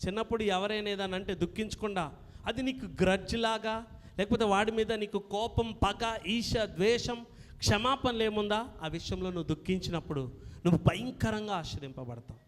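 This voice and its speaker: A male pastor preaching an impassioned sermon that swells to loud peaks. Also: high voice, brisk, a little hiss or hum. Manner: impassioned, rising to loud peaks, calls for amens. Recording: long reverb of a hall.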